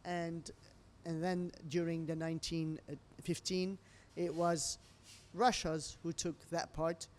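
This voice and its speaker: Her pitch is fairly low and her pace slow, yet she barely pauses. She is a middle-aged restaurant owner from Lebanon, an expressive storyteller giving an interview over a meal in English with non-native phrasing.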